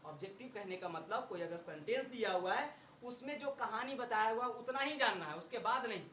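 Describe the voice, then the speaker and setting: High-voiced male teacher in an echoey classroom. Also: animated, brisk, bright, forceful tone. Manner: chatty, quizzes students with rhetorical questions. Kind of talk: classroom lecture. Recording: roomy classroom echo, faint noise.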